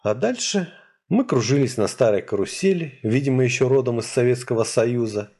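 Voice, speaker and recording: A man narrates a first-person story in a husky voice of middle pitch. His delivery is even and measured. He keeps the audiobook reading steady from line to line.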